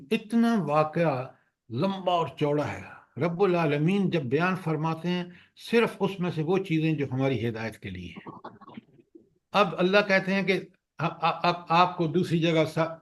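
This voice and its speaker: Man giving a lively Quran lecture. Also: on the high side. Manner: asks the class questions, recites verses slowly. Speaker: Quran teacher.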